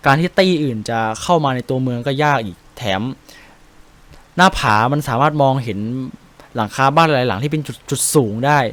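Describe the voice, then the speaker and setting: Man, Thai accent, young adult, game streamer, excitable casual commentary, swears freely, mid-pitched voice. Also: brisk. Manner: chatty, excitable, swears casually, explains tactics.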